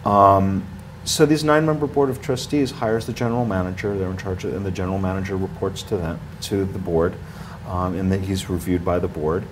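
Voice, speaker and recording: A man in his forties, a ski area marketing director, is a guest in a small indoor TV studio interview. He talks briskly in a low voice, rambling with lots of fillers and restarts and getting louder when animated, against a noisy background.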